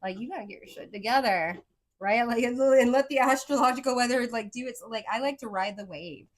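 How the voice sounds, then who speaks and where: A woman's voice: a little high, fairly quick. A woman psychic reader talking casually to her viewers, rambling with lots of "like" and "right?", her speech a mix of accents she picked up from many places.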